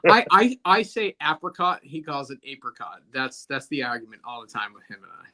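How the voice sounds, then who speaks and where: A man with a Boston accent who talks fast and slurs his words, hosting a casual live-stream chat. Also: medium pitch, sing-song, crowd noise.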